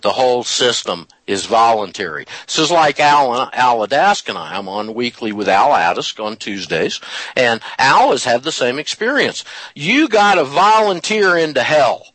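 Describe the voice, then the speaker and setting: A man's voice: medium pitch, sing-song, normal speed, fairly bright tone, no echo, low-quality recording. A man as an interview guest, telling a story in an emphatic, folksy way and drawing out his phrases. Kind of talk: animated storytelling in conversation.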